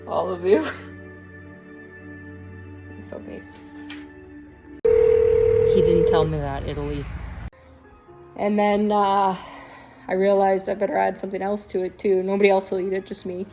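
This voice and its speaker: A woman's voice: mid-range voice, fairly even intonation, moderate pace, pauses often, music in the background. A woman talking candidly in a rambling, profane, stream-of-consciousness monologue, often restarting and trailing off. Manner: restless, frequent restarts and trailing off. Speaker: vlogger.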